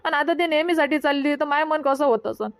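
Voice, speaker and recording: A woman's voice: sits high, fairly quick, no room sound. A woman voicing a grieving village mother in a cartoon, speaking with a Varhadi Marathi accent and a lamenting, tearful manner. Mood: sorrowful. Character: grieving village mother marrying off her daughter. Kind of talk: cartoon comedy voice acting.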